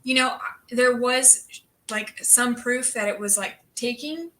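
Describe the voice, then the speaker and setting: A woman's voice: on the high side, takes it slowly, bright, forceful tone. A woman in her late thirties co-hosting a family livestream, chatting with many fillers as she tells stories. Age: late 30s. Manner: chatty, filler-heavy storytelling. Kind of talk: casual livestream chat.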